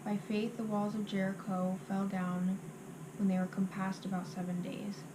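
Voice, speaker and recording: Woman reciting scripture by rote, flat intonation. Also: mid-range voice. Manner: reciting by rote, halting with repeated phrase starts. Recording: clearly noisy amateur recording.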